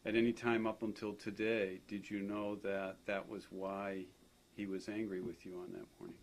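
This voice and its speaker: A man's voice: fairly low pitch, level tone, moderate pace, slight background noise. A man acting as an attorney, methodically questioning a witness in a deposition.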